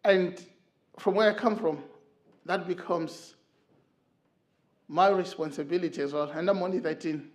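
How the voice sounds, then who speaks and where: In a church hall, a middle-aged Zimbabwean man gives a talk on men's mental health, his voice pitched high for a man. His tone stays steady as he speaks earnestly and tells stories, often pausing with fillers while he searches for words.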